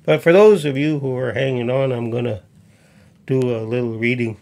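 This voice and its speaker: A man in his fifties, a home musician, chatting in a folksy, unhurried way and then reading scripture aloud, recorded in a small music room on a desk mic. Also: medium pitch, vocal fry, darkish tone. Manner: folksy, unhurried, with frequent pauses. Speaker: folk musician and host. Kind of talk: casual chat and Bible reading. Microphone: desk condenser mic in front.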